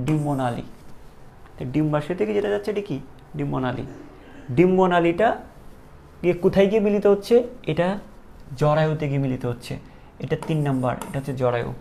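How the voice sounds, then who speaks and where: A man's voice: fairly high pitch, gravelly, a little mellow, slight background noise. A male teacher giving a classroom lecture, asking questions and repeating each answer to drill the terms.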